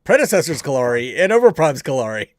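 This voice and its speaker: A man's voice: mid-range voice, big pitch swings, quick pace, no echo, studio quality. A bearded man hosting a casual live-streamed gaming talk show, joking and laughing as he goes. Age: adult with beard. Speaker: podcast host.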